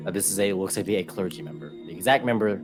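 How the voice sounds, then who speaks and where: A man narrating a tabletop game as dungeon master, with a halting delivery full of ums and uhs. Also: sits low, over music.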